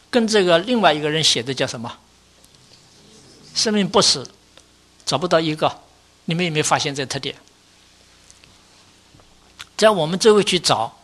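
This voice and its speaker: Buddhist teacher lecturing a class; builds chains of rhetorical questions, voice climbs for stress, sinks quiet to close a point. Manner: rhetorical questions in rising series; often lifts pitch and volume for emphasis, drops low at conclusions.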